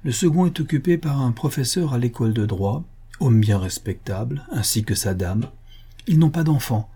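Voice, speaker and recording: A man's voice: medium pitch, lively intonation, moderate pace, warm tone, husky. A man voicing a talkative male concierge who is deferential and emphatic, eager to reassure his listener. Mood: obliging.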